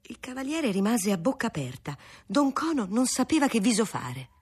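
A woman reading a novel aloud in a measured, even storytelling voice. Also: on the high side, husky. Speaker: audiobook reader. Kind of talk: novel narration.

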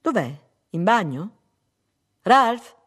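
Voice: mid-range voice, moderate pace, lightly acted. A reader voicing an anxious, pleading wife. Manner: pleading, insistent. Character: pleading wife, adult woman, anxious and tender. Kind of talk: audiobook reading.

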